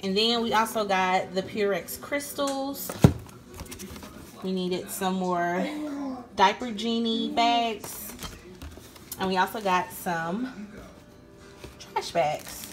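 A woman's voice: medium pitch, slow pace, long pauses. A young woman, chatting casually to viewers in her kitchen while showing off her groceries. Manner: chatty, addresses viewers as y'all and guys. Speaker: vlogger. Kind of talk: casual grocery haul vlog. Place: home kitchen, indoors.

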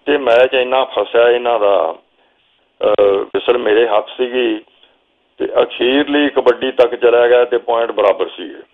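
Older Punjabi man with a phone-line sound. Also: medium pitch. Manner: slow reminiscing storyteller, quotes himself calling instructions. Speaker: guest. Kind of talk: storytelling interview.

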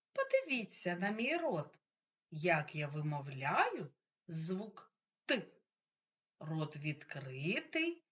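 A woman's voice: medium pitch, fairly bright tone. A woman preschool teacher leading a speech lesson for small children, speaking with careful, exaggerated articulation and coaxing praise. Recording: dull lo-fi recording.

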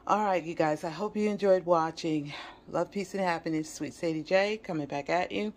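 Low-voiced woman talking in a kitchen. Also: normal speed. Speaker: vlog host. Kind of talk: casual home cooking narration. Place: home kitchen. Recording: faint kitchen room noise. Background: faint kitchen background noise.

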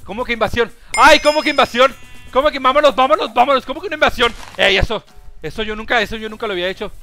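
A young Mexican man streaming a game live, excitable, with loud outbursts and frequent laughs. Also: very high-pitched, quick pace. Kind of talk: live gaming stream commentary. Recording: music playing behind the voice. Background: game music.

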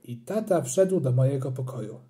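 Mellow, animated storybook reader. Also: mid-range voice, moderate pace. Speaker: audiobook reader. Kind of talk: expressive storybook narration.

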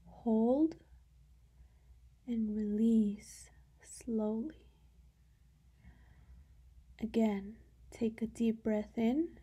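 Leading a guided meditation, a woman speaks calmly in a higher-pitched, breathy, soft voice that keeps fading toward a whisper. Long pauses fall between her instructions.

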